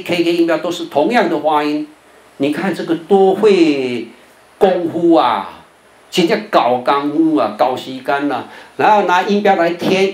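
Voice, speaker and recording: An older man, a Buddhist monk, giving a televised lecture on English pronunciation. He explains patiently, ends many phrases with a drawn-out "哦" and stretches out the sounds he demonstrates. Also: on the high side, darkish tone. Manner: patient explaining, sentence-final "哦" particles, drawn-out demo sounds. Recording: roomy echo, faint background noise.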